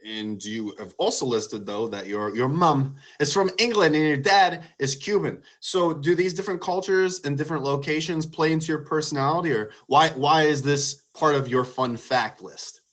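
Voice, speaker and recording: A man's voice: a little high, normal speed, few pauses, fairly bright tone. A man hosting a casual live interview, complimentary and conversational as he works his way into questions. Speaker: show host, interviewer.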